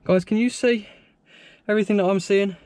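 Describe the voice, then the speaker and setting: Filmed in his car with a head-mounted action camera, a young British car vlogger rambles casually to his viewers as he drives. He speaks briskly in a high, steady, slightly mellow voice.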